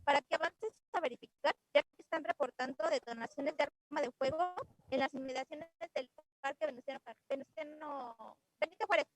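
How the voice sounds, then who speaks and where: A woman acting as a dispatcher in a police training drill, giving brisk, clipped calls over a police radio. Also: sits high, low-quality recording. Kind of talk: role-play radio traffic.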